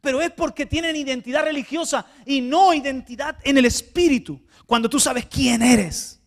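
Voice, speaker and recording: A male pastor preaching a sermon to a congregation, swinging hushed tones to loud exhortation and often repeating small words. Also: very high voice, normal speed. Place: church before a congregation.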